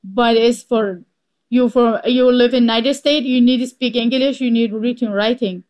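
A woman from Iraq speaks halting English. Her voice is fairly high and dry. She is an adult learner of English. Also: fairly even intonation, a little mellow, dry recording.

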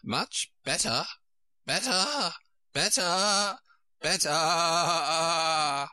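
A man voicing a flustered, bossy old queen from a storybook, kindly and dotty, in a shrill, squeaky, insistent way. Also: bright, forceful tone, no room sound, studio quality, exaggerated voice. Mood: triumphant. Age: older. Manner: exclamatory, insistent, drawn-out delivery.

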